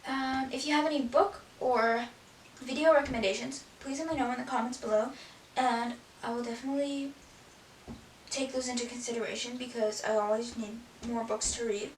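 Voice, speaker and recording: A woman talks casually through her recent reads, rambling along with a steady stream of "like." Her voice sits a little high. It reaches the mic from a few steps away in an echoey room, with a faint hiss behind it. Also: moderate pace, distant mic. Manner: rambling, frequent "like" fillers. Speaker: book vlogger. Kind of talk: casual book review chat.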